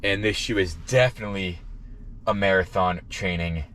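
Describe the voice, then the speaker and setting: A man's voice: deep voice, moderate pace, a bit bright. A man talking casually and informally in a personal vlog. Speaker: vlogger. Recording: faint background noise.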